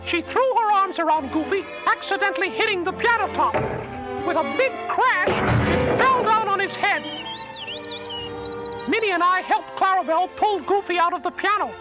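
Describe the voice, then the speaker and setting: A man voicing a small cheerful male cartoon mouse in a squeaky falsetto, narrating and acting in a storybook read-along. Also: normal speed. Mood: friendly. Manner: earnest, friendly, clear storytelling. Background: music.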